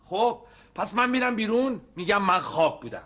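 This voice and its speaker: A man's voice: high voice, expressive, bright, forceful tone, exaggerated voice. An actor playing a scheming man who rambles to himself with hesitant restarts, in a TV comedy series. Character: scheming middle-aged man plotting his next move.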